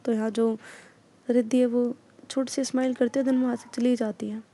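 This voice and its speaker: A woman's voice: a little high, level tone, moderate pace, dark tone. A woman narrating an audio story casually, often slipping English filler words into her telling.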